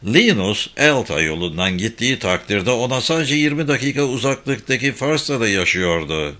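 A man narrating a crime novel audiobook in a steady, even reading. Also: medium pitch, moderate pace. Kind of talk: scripted narration.

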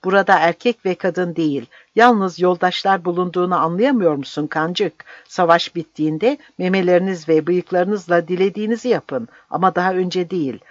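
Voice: medium pitch, lively intonation, normal speed, no room sound, natural voice. A brutal, bearded male guerrilla captain roars his contempt in a raised, strained voice, as an audiobook reader puts him on. The recording is dry, with no room sound, and slightly dull. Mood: furious. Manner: roaring, harsh, contemptuous.

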